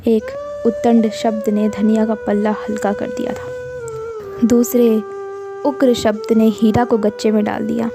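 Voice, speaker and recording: A woman narrating a classic novel in a steady, earnest storytelling voice. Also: a little high, unhurried, vocal fry. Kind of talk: reading a classic novel aloud. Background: soft woodwind music.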